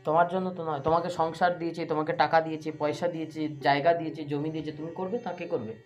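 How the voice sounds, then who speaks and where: A man teaching from scripture, asking his listeners questions and chanting Sanskrit verses slowly. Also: a little high, level tone, soft background music. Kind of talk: devotional scripture discourse. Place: room with listeners. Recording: echoey, muffled, with faint sitar.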